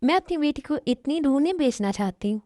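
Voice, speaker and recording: A woman's voice: sits high, animated, a little fast, warm tone, no echo, clean studio sound, voice pushed up. A woman voicing a worried, stubborn mother in an amateur Hindi dubbed drama, with an insistent, nagging way of speaking.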